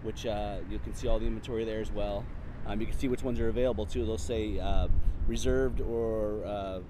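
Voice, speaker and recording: A man's voice: on the low side, steady tone, fairly quick, noisy background. A man in his thirties, a car dealership finance manager, chatting upbeat with lots of filler ums while walking an outdoor lot, recorded on a phone held at arm's length. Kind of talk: casual walk-and-talk promo. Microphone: phone camera at arm's length.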